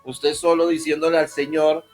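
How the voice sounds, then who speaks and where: A male pastor delivers a relaxed, conversational sermon, his voice sitting a little high for a man. He keeps it light with jokes and keeps asking his listeners questions. Faint music plays underneath. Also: normal speed. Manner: informal and joking, talks straight to listeners with questions.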